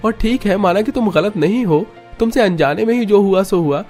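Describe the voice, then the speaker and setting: A man's voice: sits high, moderate pace, a little mellow, soft background music, voice pushed up, lightly acted. A man putting on a stern young husband. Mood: coaxing.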